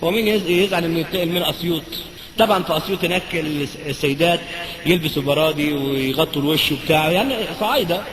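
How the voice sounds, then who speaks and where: A man's voice: fairly high pitch, racing, crowd noise. A man with an Egyptian Arabic accent, a former priest giving an impassioned, dramatic testimony in a mosque. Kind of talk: preaching personal testimony. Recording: echoey hall with faint noise.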